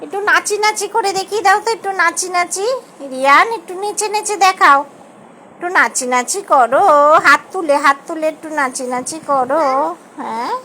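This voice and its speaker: A woman's voice: very high voice, normal speed, bright, forceful tone, slight background noise. A woman, a mother coaxing and questioning her baby in sing-song baby talk.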